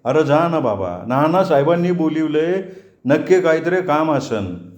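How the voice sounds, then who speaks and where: A man's voice: a little high, expressive, a little slow, a little mellow, pitched above the performer's own voice. A man playing a fretful old village father. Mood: anxious. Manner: anxious, coaxing. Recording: roomy echo.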